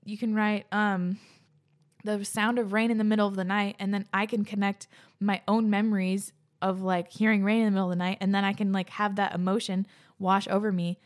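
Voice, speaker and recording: A young woman hosting a podcast chats casually and gushes over listener submissions in a medium-pitched, level, brisk voice. She's bubbly, says "like" a lot, and sounds a little out of breath.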